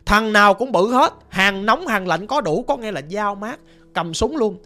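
A ghost story narrator with a Southern Vietnamese accent, telling the tale in a lively, colloquial and dramatic way. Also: mid-range voice, moderate pace. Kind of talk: oral storytelling.

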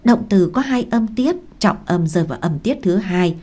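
A woman's voice: mid-range voice, expressive, normal speed, warm tone, natural voice. A woman reading a composed young male tutor. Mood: instructive.

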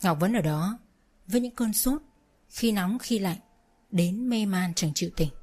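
A woman narrating a story with a steady, plain reading. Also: medium pitch, unhurried, breathy edge.

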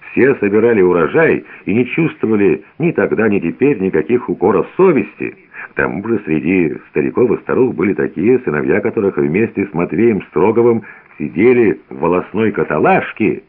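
A man narrates a novel with dramatic, expressive reading. His voice sits low but moves widely in pitch. The sound is thin and phone-like, as from an old radio broadcast. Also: moderate pace. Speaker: audiobook narrator.

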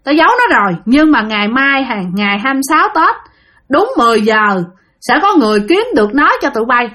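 A menacing old spirit uncle, as a woman narrator puts him on. His voice rides high and shrill, and he keeps hammering the same threats over and over in a ghost story. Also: animated, fairly quick, pushed and bright. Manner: shrill, threatening, repeats words.

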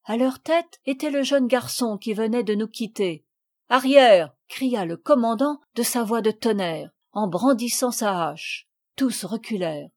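A woman narrating a children's novel as an audiobook reader, in a measured, expressive way. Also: fairly high pitch.

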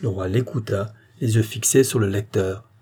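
A man narrating a historical novel as an audiobook in a steady, measured storytelling voice. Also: on the low side, slightly rough.

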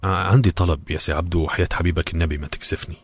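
A man voicing an anxious Cairene housewife who coaxes and apologizes quickly, speaking with an Egyptian accent. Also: sits low, fairly even intonation, slightly rough, faint music behind. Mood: pleading. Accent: Egyptian Arabic. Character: pleading Cairene housewife, anxious to help her family.

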